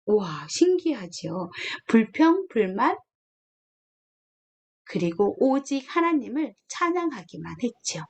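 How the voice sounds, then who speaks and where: A young woman gives a children's sermon in a high voice. Her pitch swoops up and down as she tells the story, asks the children questions and acts out the people in it. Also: very animated, slow pace, creaky, a little mellow. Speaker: children's ministry preacher.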